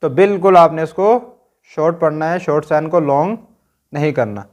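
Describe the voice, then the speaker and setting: At normal speed and with a voice on the high side, a Pakistani Urdu-accented man leads a recorded Quran reading lesson. He works through short sounds individually with patience, making sure students keep up.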